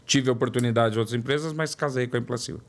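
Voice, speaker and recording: The guest here is a product development director in his forties from São Paulo, Brazil, recounting his career in an interview. With a São Paulo Portuguese accent and a medium-pitched voice, he talks fast and repeats words to emphasize them.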